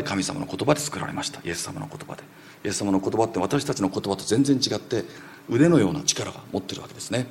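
A man preaching a sermon as a story, animated, sometimes acting out quoted voices and dropping to a whisper. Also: fairly low pitch, gravelly, a little hiss or hum.

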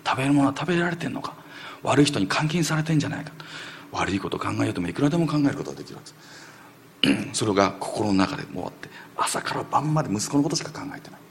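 A man preaching a sermon as a story, animated, sometimes acting out quoted voices and dropping to a whisper. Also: mid-range voice, a little hiss or hum.

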